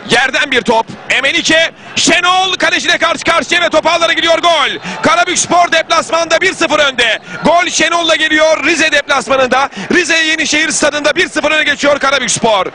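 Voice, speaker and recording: A man giving excited live commentary on a football match. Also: very high voice, normal speed. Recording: noisy stadium broadcast with crowd. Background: stadium crowd.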